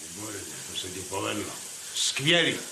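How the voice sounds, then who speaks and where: A menacing husband with a gravelly voice who talks down to everyone with a sneer. The sound is roomy and noisy, with sizzling from a stove. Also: male voice, lowish voice, big pitch swings. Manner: sneering, contemptuous. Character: bullying middle-aged husband, contemptuous and menacing.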